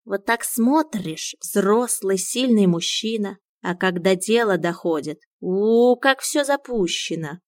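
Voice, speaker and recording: Brief: a mocking talking tomcat read by a woman, slow lofty drawl, dry audiobook sound. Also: mid-range voice, expressive, darkish tone, dry recording. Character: talking male cat, sardonic and dignified.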